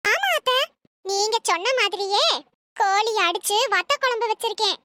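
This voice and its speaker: A woman's voice: very high voice, moderate pace, sharp tone, no echo. A woman voicing a sly, cheeky young daughter-in-law in a cartoon. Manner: sly, mocking.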